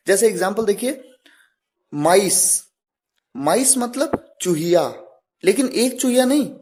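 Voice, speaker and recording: A man's voice: high voice, a little mellow. A man teaching a grammar lesson step by step, spelling words out letter by letter and repeating each example. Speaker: English teacher.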